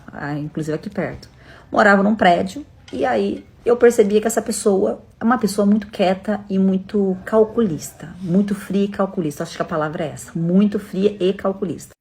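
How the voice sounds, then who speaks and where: A woman's voice: mid-range voice, gravelly. A middle-aged Brazilian woman telling a personal story to her viewers in a chatty, direct way. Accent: Brazilian Portuguese. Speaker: storyteller vlogger. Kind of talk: casual storytelling to camera.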